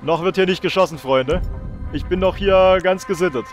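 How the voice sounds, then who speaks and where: A man's voice: high-pitched, normal speed, faint music behind. A young man hosting a let's play, joking and swearing in casual commentary while talking to his viewers.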